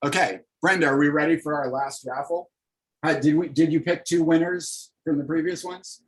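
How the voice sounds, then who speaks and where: A man's voice: a little high, steady tone, normal speed, rough recording. A man in his thirties, a comics artist leading an online library workshop, talking casually and upbeat with many fillers over a video call.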